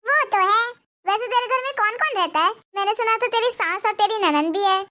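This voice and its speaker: A woman's voice: very high-pitched, expressive, brisk, bright, forceful tone, heavily acted. A woman voicing nosy young friends in a Hindi cartoon, gossiping and teasing.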